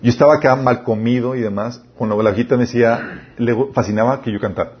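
Young guy w a mexican accent preaching to youth kids, middle pitch, tells stories, kinda muffled recording. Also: fast. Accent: Mexican Spanish. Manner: lively storytelling preacher, talks straight to his listeners. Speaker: youth pastor. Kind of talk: sermon.

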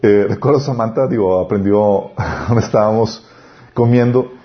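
A man preaching a sermon on parenting, lively, acting out family dialogues. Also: fairly low pitch, moderate pace. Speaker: pastor. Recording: dull lo-fi recording.

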